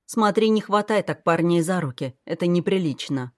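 A woman's voice: lowish voice, expressive, moderate pace, no room sound, lightly acted. A woman reading a weary, wry young man. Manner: dry, tired, matter-of-fact. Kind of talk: audiobook character voice.

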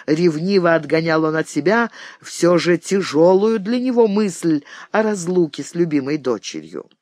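A man narrating a historical novel as an audiobook reader in expressive, measured storytelling. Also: fairly high pitch, no echo.

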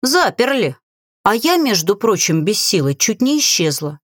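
A woman voicing a grumpy female talking spellbook in a creaky, whiny voice, complaining in drawn-out words. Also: mid-range voice, big pitch swings, no echo, studio quality. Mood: sulky.

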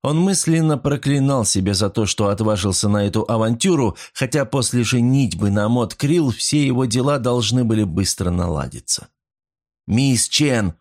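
A man reading a story aloud in measured scripted narration. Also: medium pitch, lively intonation, darkish tone.

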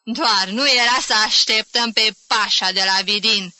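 A woman's voice: mid-range voice, pushed and bright, no room sound, natural voice. A woman voicing a hot-tempered older woman with a wry, cross way of talking, in an audiobook reading.

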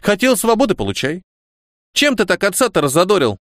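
A man's voice: high voice, very animated, brisk, a bit bright, no echo, studio quality, pitched above the performer's own voice. A man doing a stern old grandmother. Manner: scolding, curt, commanding. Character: stern old grandmother, a retired chief surgeon.

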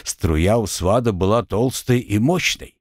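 Low-voiced man narrating a story. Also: measured pace, no echo, studio quality. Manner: expressive storytelling with acted dialogue. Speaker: audiobook narrator. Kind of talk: fiction audiobook narration.

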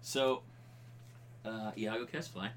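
A man's voice: fairly low pitch, fairly even intonation, slow. A man running a tabletop game as game master, narrating the action casually. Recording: faint room noise.

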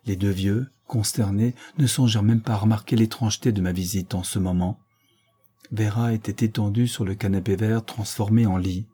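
Guy reading an old novel in first person, low dark voice, measured and sombre. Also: breathy edge. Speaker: audiobook reader. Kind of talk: first-person literary narration.

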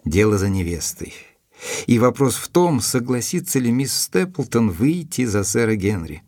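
An actor playing Dr Watson, an earnest, dutiful gentleman narrating his report in a measured, literary manner for an audio drama. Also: medium pitch, sing-song, no echo, studio quality. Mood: measured, reflective. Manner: measured, deliberate, literary phrasing.

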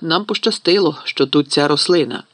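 A man's voice: a little high, normal speed, a bit bright, no echo, close to an everyday voice. A man voicing a sarcastic, hot-headed schoolboy wizard who blusters at his friends, in an audiobook reading.

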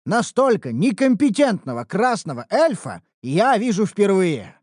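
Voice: mid-range voice, big pitch swings, moderate pace, darkish tone, no echo, studio quality, pitched above the performer's own voice. A narrator voicing a stern, indignant male blacksmith master who lectures and bargains in an audiobook. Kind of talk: audiobook character voice.

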